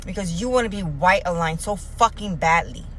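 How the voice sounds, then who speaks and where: A woman's voice: lowish voice, lively intonation, moderate pace, fairly bright tone, slight background noise, low-quality recording. A woman delivering an angry, profane rant straight at her audience, cursing and accusing. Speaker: social media commentator.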